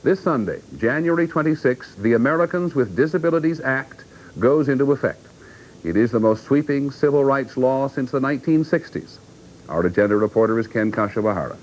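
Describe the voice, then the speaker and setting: A man's voice: medium pitch, lively intonation, brisk, a little mellow, a little hiss or hum, low-quality recording. A man reading scripted news as an anchor.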